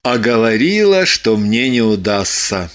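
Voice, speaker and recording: A woman voicing an excitable, suspicious man with agitated exclamations. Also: rumbling low, a little slow, voice pushed down, full character voice. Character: excitable, suspicious young-ish man, her lover.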